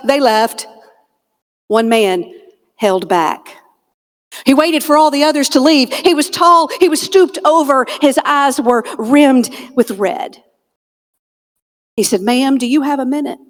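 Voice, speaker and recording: A motivational keynote speaker and comedian from Georgia, speaking with a Southern US accent, works a stage mic in a large conference hall whose long reverb follows her. Her voice sits high and animated as she spins dramatic stories, pausing for effect, adding comic asides, and nearly whispering key lines.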